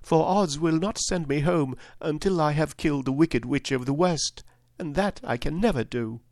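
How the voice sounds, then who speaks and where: A man's voice: a little high, normal speed, no room sound, clean studio sound, voice pushed up, close to an everyday voice. A man voicing an earnest, pleading little girl far from home in a storybook reading. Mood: sad, tearful.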